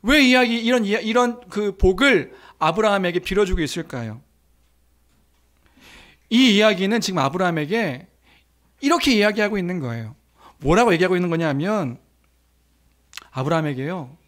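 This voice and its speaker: Male pastor, high voice, sermon style. Quizzes the congregation and acts out quotes with growing force. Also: animated, moderate pace, long pauses, fairly bright tone. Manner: asks the congregation questions, acts out quoted blessings with rising force.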